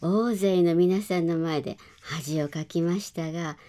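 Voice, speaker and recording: A woman's voice: on the low side, measured pace, warm tone. A woman cram school teacher speaking politely and formally as a guest on a radio talk program.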